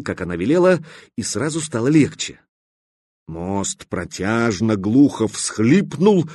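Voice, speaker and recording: Husky male audiobook narrator, dry sound. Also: lowish voice, darkish tone, no echo. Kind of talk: scripted narration.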